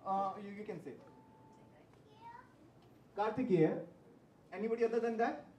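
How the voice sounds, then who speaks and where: A man's voice: high voice, normal speed, mellow, recorded from a distance, slight background noise. Dramatic male storyteller in a roomy hall. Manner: dramatic, emphatic, asks the audience questions. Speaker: storyteller at a religious festival. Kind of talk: devotional storytelling to families. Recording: roomy hall from afar, dull.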